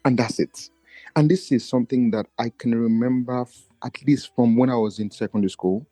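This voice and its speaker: Brisk and dark-toned, the Nigerian guest on this podcast carries on a reflective personal conversation, earnest and searching and often restarting his ideas. He has a low voice that, in his view, doesn't carry. There's no room sound, just faint music behind.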